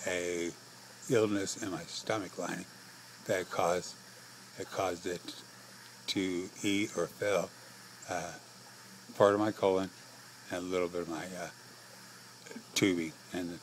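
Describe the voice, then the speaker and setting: Frail, breathless American man, low monotone. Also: slight background noise, poor audio. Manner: halting, short phrases with pauses. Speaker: patient telling own life story. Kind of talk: personal testimony to camera.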